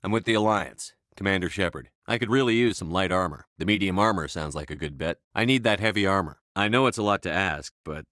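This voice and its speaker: A man playing a resolute human military commander in a space opera video game, speaking in a measured, authoritative, matter-of-fact way. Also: sits low, a bit bright, dry recording, clean studio sound. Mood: firm, matter-of-fact.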